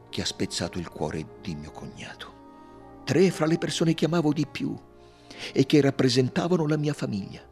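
A man's voice: medium pitch, darkish tone, close to an everyday voice. A man voicing a young countess who speaks firmly and earnestly. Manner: firm, earnest pleading. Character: young countess, proud, then passionate.

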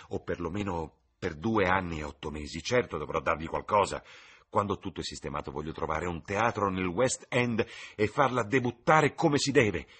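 A man's voice: on the low side, a bit bright, breathy edge. A man reading an audiobook, voicing an ardent, infatuated young man with eager, rising enthusiasm.

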